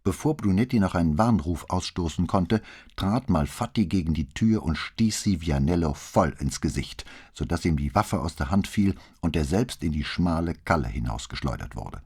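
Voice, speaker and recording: A man narrating a crime novel audiobook in an even, deliberate storytelling manner. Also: deep voice, breathy edge. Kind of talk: scripted narration.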